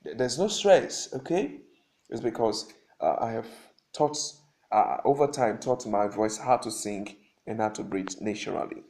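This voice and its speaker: A man's voice: on the low side, expressive, a little slow, a little mellow. A man coaching singers through breathing exercises while seated, giving instructions with frequent check-ins like "okay?". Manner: instructive, repeats points, asks "okay?". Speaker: vocal coach. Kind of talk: spoken singing lesson.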